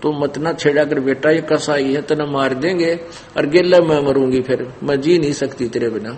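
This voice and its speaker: A man's voice: fairly high pitch, moderate pace, a little mellow, big-room sound, slight background noise, natural voice. A man voicing a worried mother who pleads with her son and his attackers. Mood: pleading. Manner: pleading, anxious.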